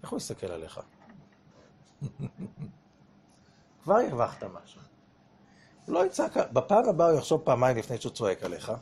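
A man's voice: mid-range voice, wildly swooping pitch, pauses often, darkish tone, a little hiss or hum. A man teaching a lesson on the weekly Torah portion, often asking his listeners rhetorical questions as he explains.

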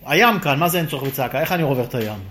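Animated high-voiced man teaching Torah. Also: a little hiss or hum. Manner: animated, rhetorical questions, acts out dialogue. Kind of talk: lively Torah class.

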